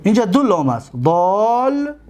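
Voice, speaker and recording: A man with a Tajik accent gives a classroom grammar lesson in a fairly high voice. He explains each point patiently, repeats himself, and stretches the example words out slowly so students can follow. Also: sing-song, a little mellow. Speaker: religious seminary teacher.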